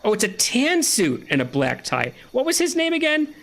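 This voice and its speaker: A man's voice: very high voice, huge pitch swings, normal speed, creaky, a bit bright. A man giving casual, joking let's-play commentary while chatting with a friend. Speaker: gaming streamer.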